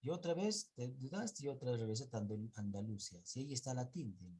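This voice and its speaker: A man's voice: medium pitch, expressive, a little fast, mellow, slightly rough. A man teaching an online class, going over pupils' reading mistakes and counting errors aloud.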